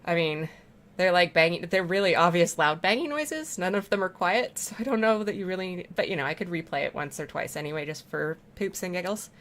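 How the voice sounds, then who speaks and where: A woman's voice: fairly low pitch, fairly quick, a bit bright. A woman streamer chatting casually while playing a game, rambling, swearing freely and laughing often. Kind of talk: casual chat while gaming.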